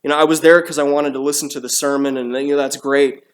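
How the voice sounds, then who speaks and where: A man delivering a sermon from the pulpit, his voice sitting a little higher than most men's. He talks casually and conversationally, doubling back on words and dropping in asides to the congregation. Recorded on a church mic. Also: level tone, fast. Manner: conversational, with frequent restarts and asides. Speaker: preacher. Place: church sanctuary.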